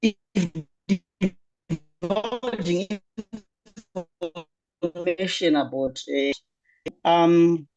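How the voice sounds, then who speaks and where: A man's voice: fairly high pitch, animated, very slow, long pauses, a little mellow, highs cut off. A man speaking on a video call over a bad connection that keeps breaking up, hesitant, with many filler sounds. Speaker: panel speaker. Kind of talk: prepared remarks on an online panel.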